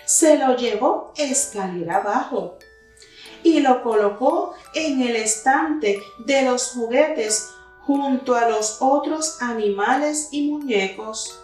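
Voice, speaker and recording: In a very echoey room furnished with a wooden cabinet and plants, a young woman who teaches reads a children's story aloud, her high voice unhurried, deliberate, and expressive. She is set back from the microphone, with faint music in the background.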